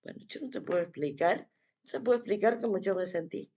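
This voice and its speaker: Woman vlogger, casual storytelling to camera, very lively pitch, expressive and dramatic delivery. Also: breathy edge, muffled recording. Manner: animated, expressive retelling with dramatic pauses. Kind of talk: casual personal storytelling to the viewer.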